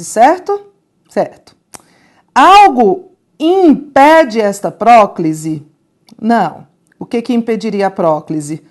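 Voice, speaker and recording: Woman teacher, fairly high voice, slow and deliberate grammar lesson full of checking questions. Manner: slow, deliberate, asks the class rhetorical questions.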